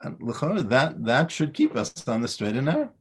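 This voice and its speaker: A man's voice: mid-range voice, wildly swooping pitch, normal speed, husky. A man teaching a Torah class, with lots of stammered restarts and rhetorical questions. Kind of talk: lecture on Pirkei Avot.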